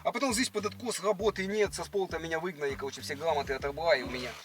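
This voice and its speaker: A man's voice: fairly high pitch, rapid-fire, music in the background, close to an everyday voice. A man playing a cocky young village lad on a prank date, with a slushy lisp, sh for s, and boastful, mumbled colloquial talk. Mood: earnest, pushy. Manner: boastful, colloquial, slurred wording. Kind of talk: prank date chat in character.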